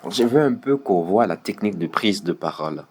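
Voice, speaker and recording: Low-voiced man tutoring over video call. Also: expressive, darkish tone, slight background noise. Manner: patient, explanatory, frequent pauses. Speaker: public speaking tutor. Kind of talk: online one-on-one lesson.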